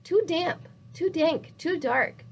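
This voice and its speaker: A woman squeaking as a tiny fussy mouse. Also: slow, vocal fry, slight background noise, full character voice. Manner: squeaky and soft.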